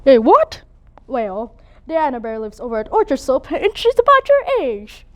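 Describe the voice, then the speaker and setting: A woman's voice: sits high, wildly swooping pitch, a little slow, exaggerated voice. A woman playing a stern, strict older spinster in a competitive interpretation piece, scolding and disapproving. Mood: brisk.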